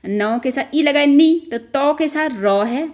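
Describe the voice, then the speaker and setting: A woman with a somewhat high voice teaches a school lesson. She explains each word patiently and step by step, checking in with her listeners as she goes. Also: unhurried, a little mellow, dull audio. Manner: explains step by step, repeats "ठीक है" often, mixes in English words.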